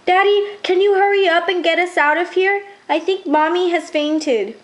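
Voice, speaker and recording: A woman doing squeaky little mouse twins. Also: moderate pace. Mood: frightened. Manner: squeaky pleading.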